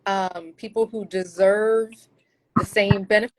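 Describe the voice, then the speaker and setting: A woman speaking as a guest researcher in a casual interview, earnest and thoughtful, often pausing and restarting her sentences. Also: mid-range voice, fairly even intonation, very noisy.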